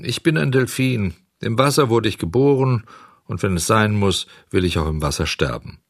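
A man voicing a calm, philosophical male dolphin with a hoarse voice. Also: on the low side, normal speed, dry recording, studio quality. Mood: resigned.

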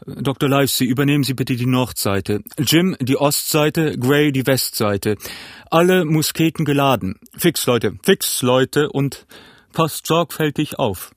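A man's voice: mid-range voice, measured pace, no room sound, clean studio sound, pitched above the performer's own voice, close to an everyday voice. A man voicing a stern, wary ship's captain who gives curt orders in an audiobook. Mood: commanding. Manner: curt, commanding. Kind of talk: audiobook character voice.

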